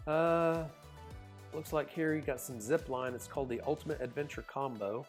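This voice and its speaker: Oklahoman man, cruise vlogger, folksy and chatty, mid pitch, faint music behind. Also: normal speed. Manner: folksy, chatty, says y'all. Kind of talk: casual screen walkthrough narration.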